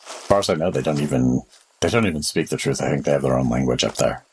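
Male game master, very deep pitch, husky texture, improvised tabletop narration. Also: fast, a little mellow.

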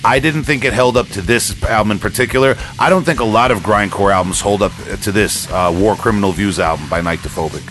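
With music running behind him, this podcast host rambles like an excited fan on his casual music show. He has a fairly low, fairly bright voice and talks a little fast with few pauses.

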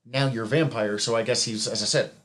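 A man's voice: mid-range voice, fairly even intonation, quick pace, a bit bright. Rambling man recapping comics casually. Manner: rambling, self-correcting, chuckles at own asides. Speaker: podcast co-host recapping comics.

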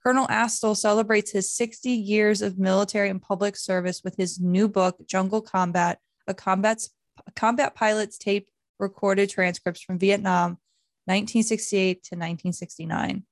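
A woman's voice: mid-range voice, steady tone, normal speed, no echo, clean studio sound. A woman co-hosting a podcast, introducing and interviewing a guest. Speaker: podcast co-host.

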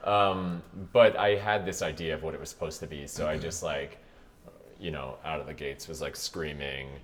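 A man with an extremely low, deep speaking voice talks through his path as an opera singer in a loose, meandering way, full of "like" and quick laughs. A faint hum of noise sits behind him. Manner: relaxed, rambling, with frequent "like" and laughs. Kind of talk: casual interview chat.

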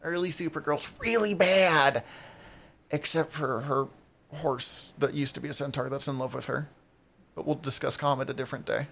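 Male podcast co-host, casual and profane, a little high-pitched, quick to laugh. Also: steady tone, vocal fry, a bit bright, slight background noise. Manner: rambling, swears often, laughs a lot. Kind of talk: casual chat.

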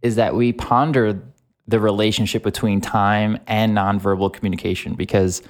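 A male podcast host with a low voice leads the talk in a thoughtful, measured way. He sets up topics and asks his co-host for reflections. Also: level tone. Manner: thoughtful, guiding questions, measured.

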